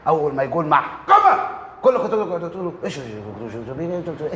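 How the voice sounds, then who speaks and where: A man's voice: high-pitched, big pitch swings, fairly bright tone, highs cut off, a little hiss or hum. An actor playing a nosy comic doorman who bosses the residents around, speaking with an Egyptian accent tinged with Upper Egyptian speech. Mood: bossy. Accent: Egyptian, Upper Egyptian flavor. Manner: brash, bossy, comic, quick. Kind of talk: TV comedy series acting.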